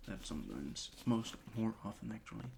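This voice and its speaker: This ASMR creator, whose first language isn't English, whispers softly from his bedroom desk in a scatterbrained, meandering way, often starting over. His voice sits on the low side with big pitch swings and a normal speed. Crinkling and crumpling sounds fill the background of a home recording with noticeable noise.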